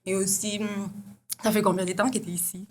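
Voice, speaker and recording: A woman's voice: mid-range voice, little pitch movement, a little fast. A woman hosting a casual interview podcast, friendly and encouraging, often repeating her guest's answers back. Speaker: podcast host.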